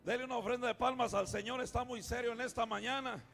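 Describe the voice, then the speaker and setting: A male pastor preaching a sermon, calling out to the congregation and swinging from quiet asides to shouting. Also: very high-pitched, steady tone, fast, gravelly. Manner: calls out to the congregation, often says "hermano".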